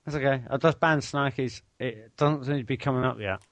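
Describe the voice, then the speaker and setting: A man's voice: mid-range voice, fairly quick, a bit bright, no room sound. A man hosting a live video chat at his computer, rambling and swearing in casual banter.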